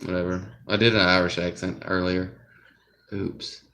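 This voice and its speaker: A man's voice: sits low, little pitch movement, normal speed, pushed and bright. A young man with a Southern US accent, rambling in casual live-stream chat and drifting off topic. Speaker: livestreamer.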